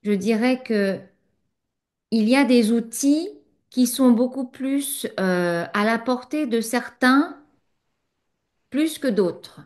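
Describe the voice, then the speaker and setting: Speaking French as a second language, a woman spiritual teacher takes a student's question in a satsang. Her fairly high voice comes across reflective, broken by frequent pauses and fillers.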